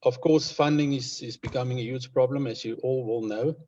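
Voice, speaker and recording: A man with a Namibian accent speaking as a conservationist in an informal interview, in a hesitant, measured and concerned manner. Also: mid-range voice, fairly even intonation, mellow, slight background noise. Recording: dull lo-fi online call audio.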